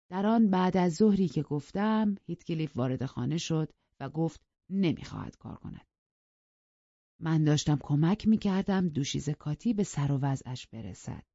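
A woman narrating a classic novel as an audiobook, measured and even, in a dull lo-fi recording. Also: low voice, no room sound.

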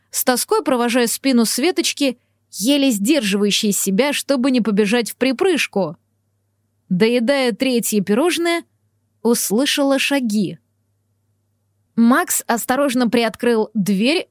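A woman narrating a first-person audiobook in a wry, lively storytelling manner. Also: a little high, dry recording, clean studio sound.

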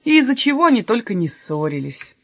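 Woman narrator, children's storybook, animated, fairly high. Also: fairly quick, no room sound, studio quality. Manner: lively storytelling. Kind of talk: reading a children's story aloud.

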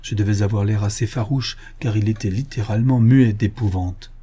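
A man narrating a classic novel in a measured, expressive first-person reading. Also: lowish voice, breathy edge. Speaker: audiobook narrator. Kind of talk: literary audiobook narration.

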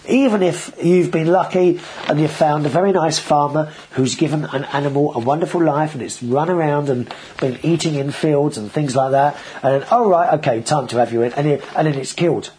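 A man's voice: on the high side, a little mellow, slight background noise, poor audio. A man hosting a casual video show, talking in a chatty, rambling way with frequent restarts. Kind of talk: casual vlog monologue.

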